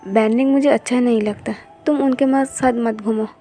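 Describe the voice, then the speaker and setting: A jealous, curt young man from a romance story, as a woman reading aloud puts him on. The lines come flat and level, in a rather high, soft-toned voice, with faint music behind. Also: normal speed, close to an everyday voice. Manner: plain even reading of dialogue.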